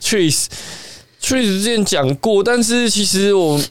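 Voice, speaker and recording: A man co-hosts a casual podcast, teasing and sarcastic. His voice sits a little high and sounds smooth and resonant. The recording is close and dry. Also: lively intonation, slow pace, no echo. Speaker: podcast co-host. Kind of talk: casual chat.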